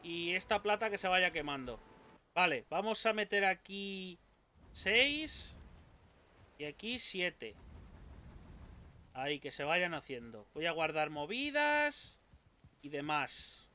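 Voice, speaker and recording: Young guy playing a game, high bright voice, swears a lot, slow talker. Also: sing-song. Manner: swears often, yelps and shouts when attacked. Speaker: gaming YouTuber. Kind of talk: casual gameplay commentary.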